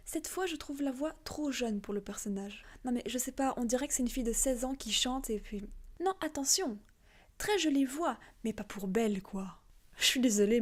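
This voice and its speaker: Chatty high-voiced woman vlogger. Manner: chatty, frank, lots of fillers. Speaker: video creator. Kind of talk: casual opinion vlog.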